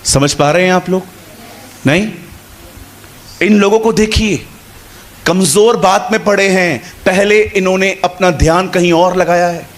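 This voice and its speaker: Slow and pausing often, a man with a high voice preaches to a congregation in conversational Hindi. He relies on repetition and acts out short dialogues.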